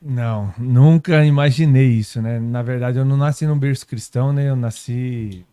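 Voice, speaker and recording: A man from São Paulo state telling his story as a guest pastor, unhurried, tagging his sentences with little questions. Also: medium pitch, warm tone, clear, resonant tone. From São Paulo state, Brazil. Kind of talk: casual testimony conversation. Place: podcast studio.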